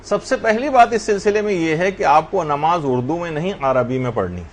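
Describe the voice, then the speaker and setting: A man's voice: a little high, expressive, a little hiss or hum. A man teaching a religious class, lecturing earnestly and addressing his students directly.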